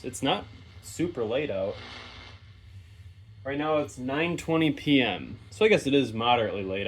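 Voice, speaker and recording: Thinking aloud as he goes, a hobbyist radio repairer presents an unscripted, offhand walkthrough of a repair from a stone-lined basement. His voice is medium-pitched, and there's slight noise behind him.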